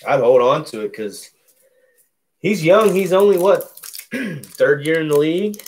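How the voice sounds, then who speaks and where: A card break host with a deep, bassy voice sits at an indoor table covered in cards, calmly calling out each baseball card as he opens it. His casual commentary runs as a slow, laid-back play-by-play.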